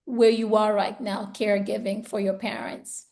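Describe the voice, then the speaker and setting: A woman's voice: mid-range voice, little pitch movement, normal speed, vocal fry, darkish tone. A woman who was born in Zambia and raised in the US, talking earnestly and reflectively in a casual conversation, often saying "you know" and "like". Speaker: podcast conversation partner. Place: home, based in Italy.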